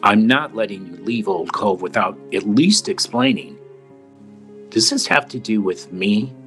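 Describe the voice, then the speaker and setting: A man's voice: lowish voice, big pitch swings, unhurried, fairly bright tone, soft background music, exaggerated voice. An actor playing a suspicious, insistent man in an audio drama, probing for answers.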